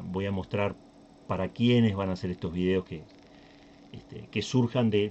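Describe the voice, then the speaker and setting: Low-voiced Uruguayan man. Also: mellow, highs cut off, a little hiss or hum. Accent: Uruguayan Spanish. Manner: thinking aloud with many fillers and restarts. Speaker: tech channel host. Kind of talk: casual screen-recording walkthrough.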